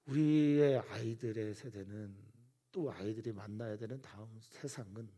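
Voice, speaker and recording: Husky low-voiced pastor, earnest and hushed. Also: male voice, unhurried. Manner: earnest, dropping often into a soft whisper for emphasis. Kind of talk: dawn service sermon.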